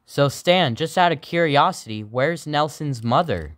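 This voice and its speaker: A man voicing a goofy, excitable, suspicious suburban dad in an amateur sock puppet comedy. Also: on the high side, measured pace.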